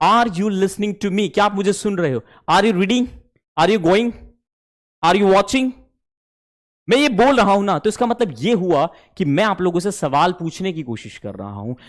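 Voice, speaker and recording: High-voiced man teaching spoken English. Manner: addresses students as children, repeats drill sentences. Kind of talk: classroom lesson explaining English to students.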